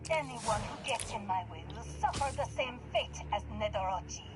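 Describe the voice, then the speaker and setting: An actress playing a cold, ruthless young huntress in a video game cutscene, delivering threats. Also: female voice, a little high, expressive, moderate pace, heavy background noise, close to an everyday voice. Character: young woman hunter, cold and ruthless daughter.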